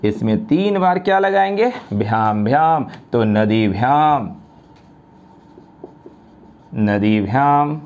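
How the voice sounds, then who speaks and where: A man teaching a grammar lesson to students, slowly reciting and repeating word forms one by one. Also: medium pitch, animated, a little mellow, muffled recording. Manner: addresses students directly, repeats each form.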